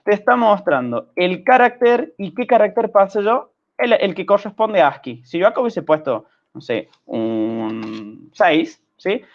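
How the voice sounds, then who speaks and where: A man with an Argentine accent teaches programming, his voice sitting a little high for a man. He explains step by step and keeps checking that the class follows. The sound is dull and lo-fi, like a video call. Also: animated, a little slow, hardly any pauses. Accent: Argentine Spanish. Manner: patient, checks understanding with frequent "¿sí?".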